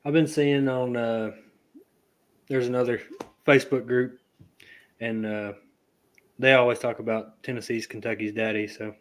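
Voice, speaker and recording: A man's voice: mid-range voice, level tone, normal speed, pauses often. A man co-hosting a casual sports chat, laughing along and prompting with short remarks. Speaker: co-host.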